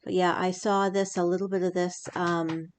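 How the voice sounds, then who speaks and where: A woman reviewing a tarot deck in a chatty, rambling way, full of fillers and restarts, her voice a bit hoarse from incense smoke. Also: on the low side, little pitch movement, moderate pace. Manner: chatty, self-interrupting, lots of fillers. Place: indoors at home, incense burning.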